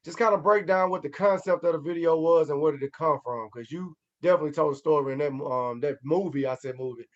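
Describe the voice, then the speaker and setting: A man with a slightly raised pitch hosts a casual podcast and asks his questions in an easygoing way. His voice comes through somewhat dull and muffled, like lo-fi audio. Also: fast talker, few pauses. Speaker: podcast host.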